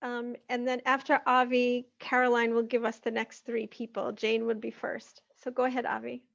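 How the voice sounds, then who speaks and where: Woman running a zoom memorial, high voice with some gravel, calm and gentle. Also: moderate pace, dull audio. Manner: calm, gently guiding speakers. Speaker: memorial facilitator. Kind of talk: gentle moderating. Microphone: video call.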